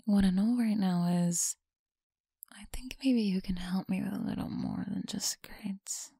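A young woman whispers close to the mic, slow, breathy and mocking, as a possessive, teasing bully from school in an ASMR roleplay. Her voice is mid-range and warm, and the recording is dry.

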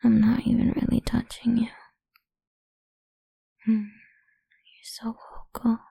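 A young woman whispering softly and teasingly in an intimate audio roleplay, humming between lines, close to the mic. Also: a little high, completely flat delivery, slow pace, gravelly, husky, dry recording. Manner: soft teasing whisper, murmured hums.

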